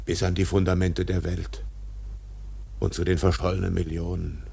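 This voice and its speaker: An actor in a radio drama playing an obsessed, tyrannical older whaling captain, declaiming grandly in a gravelly, husky voice. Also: male voice, low-pitched, flat delivery, moderate pace, warm tone, a little hiss or hum. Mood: brooding, solemn. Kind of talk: literary radio drama acting.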